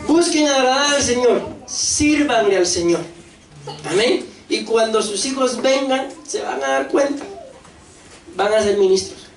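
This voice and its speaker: A pastor with a Costa Rican accent preaching a lively sermon, asking the congregation questions and acting out voices. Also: mid-range voice, measured pace, a crowd in the background. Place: church hall. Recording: echoey church hall, distant mic, faint noise.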